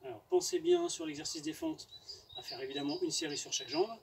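A man's voice: extremely high pitch, wildly swooping pitch, brisk, vocal fry. A middle-aged man giving informal workout instruction as a fitness coach, explaining exercises and counting repetitions. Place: outdoor garden terrace. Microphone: distant camera. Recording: outdoors from far off, noisy.

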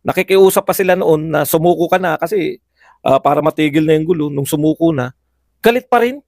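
A man's voice: a little high, level tone, fairly quick, vocal fry, darkish tone, no room sound, studio quality. A man hosting a live political commentary show, chatty, laughing often and firing rhetorical questions at viewers.

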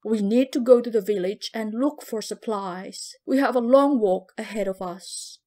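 A woman's voice: mid-range voice, moderate pace, dark tone, lightly acted. A woman playing a cold, stern soldier.

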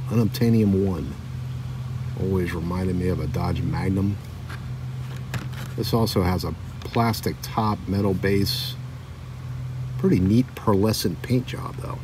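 Middle-aged guy w a low voice showing off toy cars, kinda far from the mic, wind noise. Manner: relaxed, chatty, reads card backs aloud. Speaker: diecast collector vlogger. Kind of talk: casual show-and-tell narration. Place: outdoor table by a lake on a windy day.

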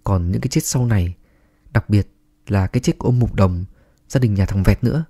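Cool, defiant young woman in a storybook, read by a man; steady, pointed, dark tone. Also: fairly low pitch, fairly quick. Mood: calm, pointed.

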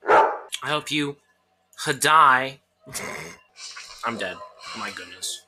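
A woman's voice: extremely low pitch, lively intonation, extremely slow, sharp tone, a little hiss or hum. A woman doing goofy let's-play commentary on a game, rambling jokes and laughing often. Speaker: gameplay YouTuber.

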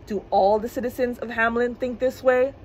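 A quiet, mysterious male piper with a steady, direct delivery, voiced by a woman storyteller. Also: fairly high pitch, moderate pace, a little hiss or hum, pitched above the performer's own voice, close to an everyday voice, poor audio. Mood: calm.

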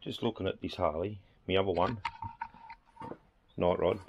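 A man's voice: low voice, normal speed, creaky, lo-fi sound. A middle-aged man chatting casually to the camera in short, offhand, laconic phrases. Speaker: motorbike vlogger. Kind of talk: casual off-the-cuff vlog chat. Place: outdoors, on and around a motorbike. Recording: loud engine, traffic and handling noise.

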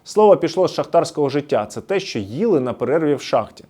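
A man's voice: a little high, very animated, quick pace, dark tone, husky. A man from the Luhansk region giving scripted documentary narration, storytelling nostalgically as he explains words one by one. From Luhansk region, Ukraine.

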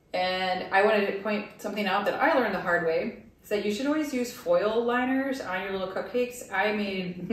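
A woman co-hosting a home cooking show, chatting casually about a recipe, bubbly and quick to laugh, recorded in a kitchen. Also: medium pitch, slight background noise. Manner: bubbly, laughs often, playful. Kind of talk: casual cooking demo chat. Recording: very echoey room, mic far off.

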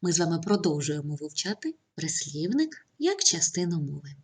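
A woman teacher giving an online grammar lesson to pupils, speaking clearly and patiently with instructions. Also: deep voice, sing-song, moderate pace, a little mellow.

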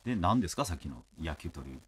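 A man with a Kyoto accent co-hosting a studio radio talk, playful and joking. He talks quickly with a very animated voice. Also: deep voice, a crowd in the background. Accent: Kyoto dialect. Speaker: radio show host. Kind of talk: casual radio chat.

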